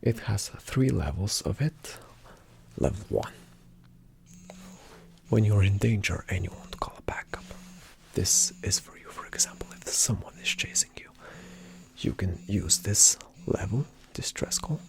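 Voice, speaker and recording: In a whispered ASMR roleplay, a man voices a calm, attentive spy agent briefing his partner, pitched on the low side. He offers hushed, deliberate instructions in a soft, breathy, faintly creaky voice.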